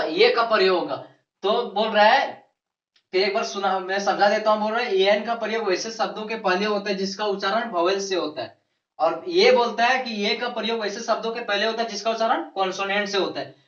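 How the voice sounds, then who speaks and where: A man's voice: high-pitched, a bit bright. A man teaching a grammar lesson, repeating points and posing questions he then answers himself. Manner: repetitive, answers his own questions. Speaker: English teacher. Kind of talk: classroom-style grammar lesson. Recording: echoey room, distant lo-fi mic.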